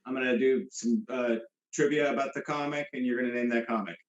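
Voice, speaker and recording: A man's voice: mid-range voice, steady tone, fairly quick, reverberant, dull audio, slight background noise. A man hosting a casual comedy trivia game, rambling with many fillers and restarts. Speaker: host. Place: room with a guest beside him.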